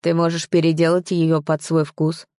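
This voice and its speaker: A woman's voice: low voice, monotone, moderate pace, dark tone, dry recording, studio quality, close to an everyday voice. A woman reading a smug, domineering young man. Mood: smug, commanding. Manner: mocking, commanding.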